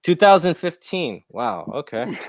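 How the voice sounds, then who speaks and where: A young American man hosting a livestream rambles in an easygoing, slangy casual chat from his rented room at home. His fairly high voice is sing-song and measured, with background noise in the audio.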